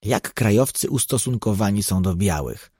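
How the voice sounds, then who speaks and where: A man's voice: on the low side, expressive, moderate pace, mellow, breathy edge, no room sound, clean studio sound. A man doing a resolute expedition leader. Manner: decisive, questioning.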